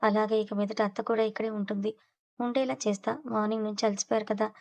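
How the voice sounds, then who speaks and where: A woman's voice: medium pitch, level tone, quick pace, a little mellow, close to an everyday voice. A woman voicing a young husband who talks in a teasing, reassuring way, in an audio story. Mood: confident. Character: young man, playful, protective husband.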